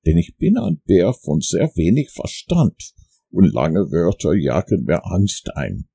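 A man voicing a humble, simple-minded teddy bear who speaks meekly and wistfully, in a gravelly voice. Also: deep voice, big pitch swings, dark tone, full character voice. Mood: earnest, puzzled. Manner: meek, slow and wistful.

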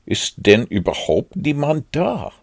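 A man's voice: mid-range voice, very animated, takes it slowly, creaky, no echo, studio quality, pitched above the performer's own voice, exaggerated voice. A man voicing a naive, cheerful toy bear in a storybook reading, talking earnestly. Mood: calling, puzzled. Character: cheerful, simple-minded male toy bear.

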